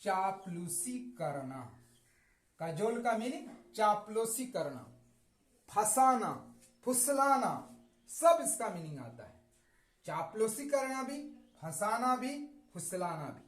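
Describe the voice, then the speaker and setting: A male teacher giving a vocabulary lesson, spelling words letter by letter, asking questions and answering them himself, repeating each word slowly. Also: high-pitched, very animated, roomy sound, low-quality recording. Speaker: English teacher.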